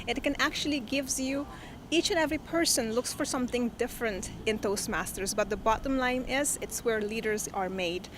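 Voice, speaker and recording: A woman's voice: fairly high pitch, normal speed, background noise. A woman being interviewed, explaining informally and promotionally.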